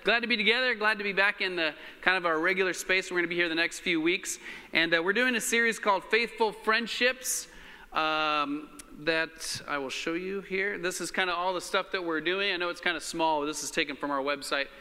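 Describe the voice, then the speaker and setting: A man preaching into a pulpit microphone, his voice high and very bright. The church hall around him rings with a long reverb. He talks loosely and haltingly, full of fillers. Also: clear, resonant tone. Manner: relaxed, halting, with many fillers. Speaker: pastor. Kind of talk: sermon.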